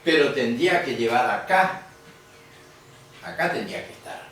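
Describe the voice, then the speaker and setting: A middle-aged man lectures a class, filling sentences with quick checks for understanding. He is caught from across a very echoey room, his voice distant, with a faint hiss underneath. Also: medium pitch, animated, fairly bright tone. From Corrientes, Argentina. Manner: explanatory, frequent tag questions. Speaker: language teacher. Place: large echoey room, museum workshop. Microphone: far camera.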